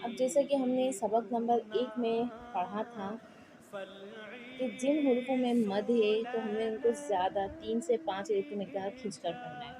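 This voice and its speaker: A woman teaching Quran reading in a patient, explanatory way. She repeats each point and keeps checking that her students follow. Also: on the high side. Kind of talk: slow explanatory lesson with spelled-out drills.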